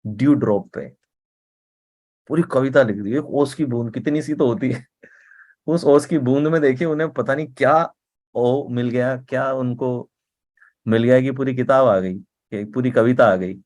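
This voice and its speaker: A man's voice: mid-range voice, a little slow, darkish tone. A man giving a motivational talk in a conversational way, often checking in with the listener and repeating words for emphasis. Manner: conversational, often asks "ठीक है?" and "right?".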